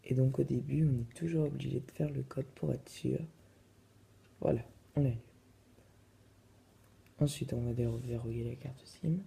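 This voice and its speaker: A man's voice: mid-range voice, fairly even intonation, normal speed, vocal fry, long pauses, mellow. A man casually reviewing a phone in his vlog, hesitant and full of fillers. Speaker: vlogger.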